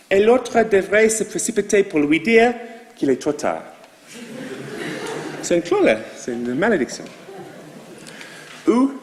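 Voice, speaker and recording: A man with a non-native accent in French, a rabbi giving a sermon to his congregation in a slow, measured way with asides to the listeners. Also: high-pitched, big-room sound. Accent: foreign accent in French. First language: not French. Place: synagogue.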